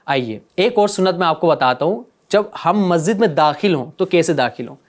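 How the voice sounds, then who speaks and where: Man, children's religious teacher, gentle coaxing manner, keeps asking questions. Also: a little high, lively intonation. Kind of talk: question-and-answer lesson for children.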